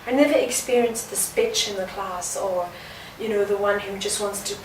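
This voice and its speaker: A young woman talks earnestly and reflectively, often pausing on fillers as she answers. She is picked up from a distance in an echoey indoor room. Steady background noise runs underneath. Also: medium pitch. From South Africa. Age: early 20s. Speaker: guest dancer. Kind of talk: conversational interview. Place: indoor art venue. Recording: roomy, distant mic, noisy background.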